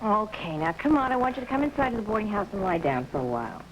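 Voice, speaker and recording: A woman's voice: medium pitch, sing-song, fast talker, music in the background, natural voice, rough recording. An actress playing a protective, coaxing, insistent mother in a television soap opera. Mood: fussing. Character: fussing, protective mother running a boarding house.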